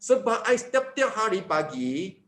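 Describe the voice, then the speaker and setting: A man voicing a young village boy who calmly explains himself. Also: high-pitched, unhurried, full character voice. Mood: matter-of-fact. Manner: matter-of-fact, explaining patiently. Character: cheeky young village boy, calm and sure.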